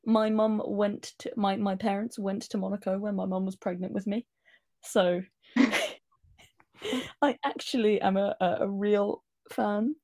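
A woman's voice: medium pitch, fairly even intonation, measured pace, mellow. A woman from England, co-hosting a podcast in a teasing, casual way. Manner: teasing, laughs often. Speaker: podcast co-host. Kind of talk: casual chat.

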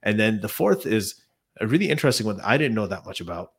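A man hosting a casual live discussion, explaining in a halting, conversational way while slightly under the weather. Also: lowish voice, sing-song, husky. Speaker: podcast host.

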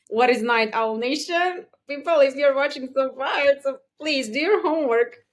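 A woman's voice: sits high, measured pace. A woman from Serbia with a Serbian accent, chatting casually as a podcast guest. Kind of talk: casual conversation.

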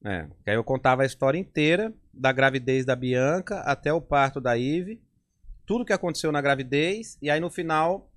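A Brazilian man, a comedian, chatting casually on a podcast and telling bawdy jokes in an animated way. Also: medium pitch, moderate pace. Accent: Brazilian Portuguese. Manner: animated, jumps into lewd joke voices. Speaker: comedian guest.

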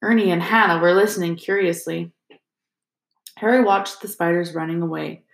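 A woman narrating a fantasy novel as an audiobook, in a steady storytelling manner. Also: lowish voice, normal speed, gravelly. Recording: roomy echo.

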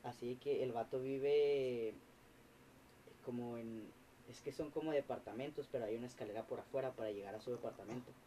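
A man, a podcast guest telling a story in animated, slangy, swearing casual chat. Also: mid-range voice, moderate pace, a little hiss or hum.

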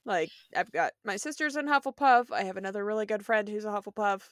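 A woman's voice: medium pitch, expressive, fast, fairly bright tone, no room sound, clean studio sound. Easygoing chatty woman podcast host. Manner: easygoing, chatty, lots of fillers. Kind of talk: casual chat.

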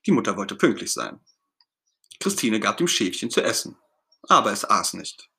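Expressive man reading a children's story. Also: on the low side, moderate pace, creaky, a little hiss or hum. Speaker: narrator.

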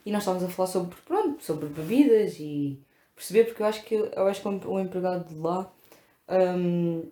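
A brisk European Portuguese woman with a fairly low voice tells stories as co-host of a casual chat, chatty and animated and heavy on fillers. The recording picks up an echoey room.

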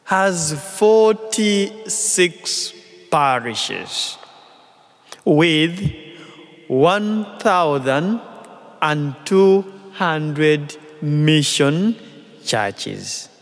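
A man with a Ugandan accent preaches a homily in a large church, placing each short phrase slowly and deliberately. His voice sits somewhat high for a man. The sound carries a long reverb from the church hall. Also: expressive, faint music behind. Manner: slow, deliberate, phrase-by-phrase delivery. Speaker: visiting priest. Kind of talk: mission appeal homily at Mass.

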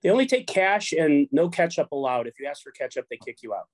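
A man's voice: on the high side, very animated, a little fast, no room sound. A middle-aged man from Chicago who runs a poker show, chatting casually, rambling with repeated words and free swearing. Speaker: poker show runner and guest. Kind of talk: casual chat.

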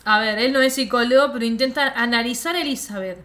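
A woman with an Argentine accent chiming in excitedly during a casual chat about a film. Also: fairly high pitch, fast. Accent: Argentine Spanish.

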